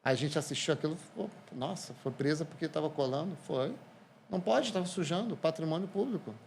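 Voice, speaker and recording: A Brazilian man, a podcast guest, telling lively anecdotes in casual conversation. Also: fairly high pitch, fairly quick, gravelly, a little hiss or hum. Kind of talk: casual storytelling.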